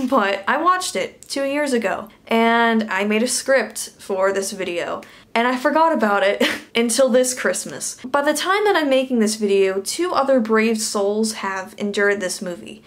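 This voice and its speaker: A woman's voice: on the high side, expressive, unhurried. A young woman reviewing a bad movie in a comedic rant, sarcastic and laughing between lines.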